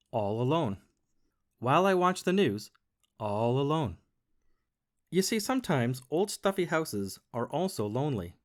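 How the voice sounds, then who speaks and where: A man reading a children's storybook aloud as the first-person bunny narrator, playful and expressive. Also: medium pitch.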